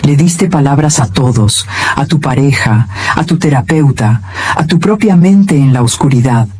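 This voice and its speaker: A man giving scripted motivational narration in a calm, measured, solemn way. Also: medium pitch, faint music behind.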